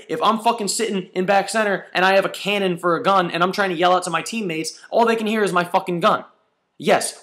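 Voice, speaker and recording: A man's voice: medium pitch, a bit bright. A young man giving an angry, profanity-heavy video reply, lecturing a critic. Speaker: paintball player replying to a commenter. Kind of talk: angry video response rant.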